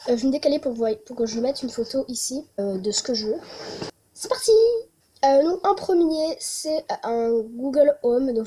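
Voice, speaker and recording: A young woman talks casually to her viewers about a holiday wishlist. Her voice sits a little high but sounds soft and mellow. She hesitates often as she goes. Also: slight background noise. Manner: chatty, many hesitations. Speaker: vlogger.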